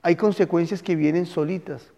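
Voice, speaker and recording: A man's voice: on the high side, steady tone, moderate pace, mellow. A male pastor with a Colombian accent, teaching a conversational sermon and questioning his congregation in a church hall. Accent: Colombian Spanish. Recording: muffled, long hall reverb.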